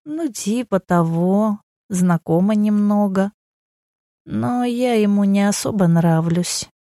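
A woman's voice: medium pitch, measured pace, a little mellow, no echo, clean studio sound, close to an everyday voice. A woman voicing a playful young woman who teases her friends and flares up when pushed. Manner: teasing and wheedling, flaring into anger. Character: sleepy playful young woman with a fiery temper.

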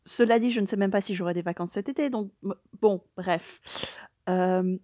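A woman's voice: mid-range voice, warm tone, no echo, studio quality. A young woman in a casual spoken afterword to her podfic reading, rambling and hesitant with many fillers. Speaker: podfic reader.

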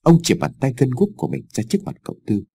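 Male audiobook narrator; husky, expressive storytelling. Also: medium pitch, very fast. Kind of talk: scripted narration.

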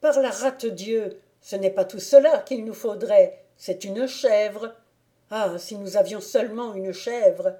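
An eager young male hunting valet from a storybook reading, as a woman acts him out, bossy and loud in his exclamations. His voice sits a touch above the reader's own, mellow and dark in tone. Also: medium pitch, a little slow, natural voice. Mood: excited.

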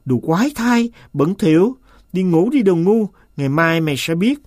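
A nervous, agitated master speaks here, as a man reads him aloud. He turns shrill and hisses when he loses his temper. The recording is dry and close, like a storybook read at the mic. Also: moderate pace, no echo, natural voice. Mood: shrill, furious. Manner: shrill, hissing when upset.

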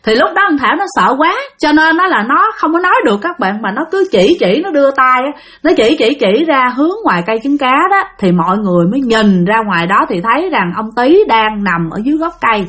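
A woman's voice: sits high, sing-song, fairly quick, few pauses, a bit bright. A woman telling a ghost story in a chatty way, talking straight to her listeners. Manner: chatty, addressing listeners directly. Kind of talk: casual ghost-story narration.

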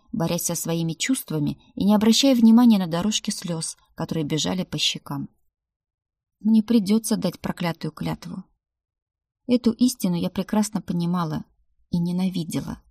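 A woman narrating a first-person audiobook in a calm, even storytelling manner. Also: on the low side, slightly rough, no room sound, clean studio sound.

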